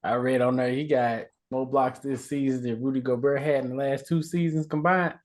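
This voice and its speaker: A man co-hosting a sports podcast in a relaxed style, often laughing and repeating words as he talks. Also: mid-range voice, normal speed. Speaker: podcast co-host. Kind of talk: casual sports chat.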